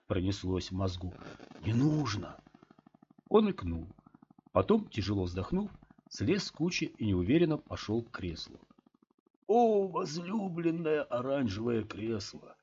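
A man with a low voice narrates an audiobook in a steady, measured way. The recording is dull and lo-fi. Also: a little hiss or hum. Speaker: audiobook reader.

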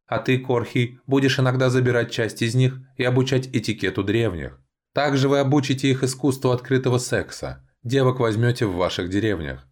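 A man's voice: medium pitch, fairly quick, voice pushed up, lightly acted. A man voicing a haughty, spiteful male elf envoy who speaks raised, stern and commanding.

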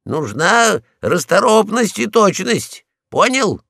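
A man voicing a pompous, bossy male guard dog in a storybook reading, loud and commanding. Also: high-pitched, big pitch swings, takes it slowly, creaky, no echo, clean studio sound, voice pushed up, full character voice.

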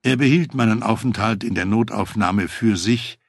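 A man reading a first-person memoir aloud, telling the story in a measured, reflective way. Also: fairly low pitch, creaky, husky, no room sound, clean studio sound. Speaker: audiobook narrator.

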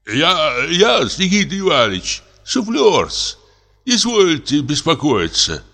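A meek old theater prompter, put on by a male reader, speaks softly and deferentially in a slow, soothing manner. The voice is lifted far above the reader's natural register. It is an audiobook character reading. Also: on the high side, huge pitch swings, vocal fry, big-room sound, soft background music, voice pushed up, exaggerated voice. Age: older.

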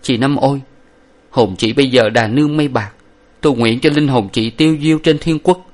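A man's voice: mid-range voice, a little fast, pitched above the performer's own voice, close to an everyday voice. A man voicing a loyal young male hero who weeps and laments solemnly. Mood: lamenting.

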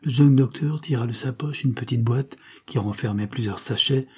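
A man narrating an old novel in a measured, dramatic audiobook reading. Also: mid-range voice, breathy edge.

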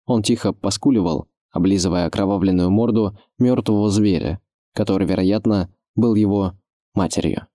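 Man narrating audiobook, low voice, dark mellow tone, dry close sound. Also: moderate pace, no room sound. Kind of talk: scripted narration.

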